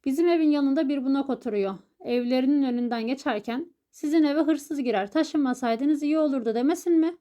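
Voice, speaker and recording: A woman's voice: high voice, fairly quick, hardly any pauses, mellow, natural voice. A woman voicing a flustered, indignant male tenant in an audiobook, blustering as he speaks.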